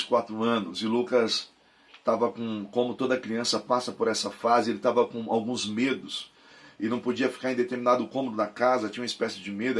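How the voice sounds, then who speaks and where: A man in his thirties with a Brazilian Portuguese accent teaching a Bible course, fervent and repeating phrases for emphasis. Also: on the low side. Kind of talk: preaching Bible lesson.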